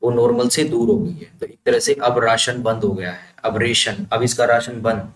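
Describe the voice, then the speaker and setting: Medium in pitch and not very varied, a man's voice moves at normal speed through a vocabulary lesson built on memory tricks. He explains each step and checks understanding along the way, recorded in an echoey space with faint noise.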